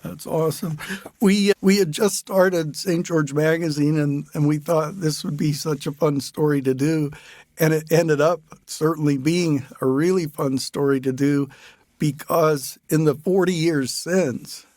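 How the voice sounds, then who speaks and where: A man's voice: fairly high pitch, steady tone, unhurried, no room sound. An older man hosting a podcast interview, talking in an easygoing, good-humored way and often restarting his phrases. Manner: warm-humored, laughs easily, restarts phrases. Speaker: podcast host and writer. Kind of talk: relaxed conversational interview.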